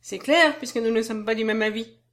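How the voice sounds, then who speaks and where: A woman's voice: on the high side, fairly quick, fairly bright tone, lightly acted. A woman reading an audiobook, voicing a self-assured young man who talks in a half-mocking, half-solemn way. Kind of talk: audiobook character voice.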